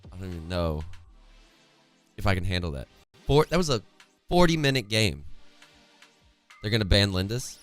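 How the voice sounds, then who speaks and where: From an indoor home streaming room, a hoarse young man casts an esports game, chatty, laughing frequently and reading chat messages aloud. He's close to a studio condenser mic in headphones, his fairly low pitch swinging widely at a normal pace with many pauses, faint music playing behind.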